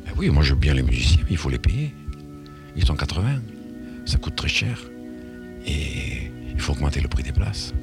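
A man's voice: very deep voice, sing-song, normal speed, pauses often, music in the background. A man being interviewed as a musician, talking in a rambling, indignant way with many restarts and asides.

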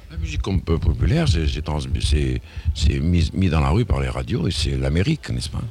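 A man's voice: rumbling low, sing-song, a little fast, warm tone. A man being interviewed as a musician, talking in a rambling, indignant way with many restarts and asides.

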